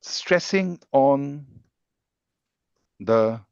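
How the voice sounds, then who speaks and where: A man's voice: mid-range voice, animated, vocal fry, clean tone, no room sound. Guy teaching english on a video call, patient, lots of examples, bit muffled. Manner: patient, explains slowly with examples. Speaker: English pronunciation trainer. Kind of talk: online class teaching.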